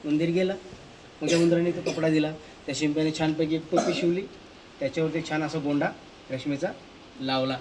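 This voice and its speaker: A male teacher tells a story to schoolchildren at school. He is lively and repeats phrases to carry the tale along, and his voice is slightly high. There is a faint hum of room noise behind him. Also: a little fast, long pauses.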